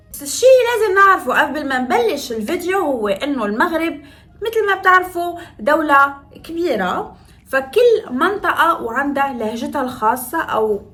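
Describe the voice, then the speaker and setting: A woman in her twenties from Tetouan in northern Morocco, a beauty vlogger, chats playfully with viewers, teaching phrases and laughing along the way. Her voice is high-pitched and a bit bright.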